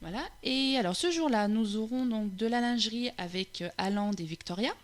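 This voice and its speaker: A woman guest on a local radio interview, chatty and quick to laugh, with hesitant fillers as she explains her association's events. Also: fairly high pitch.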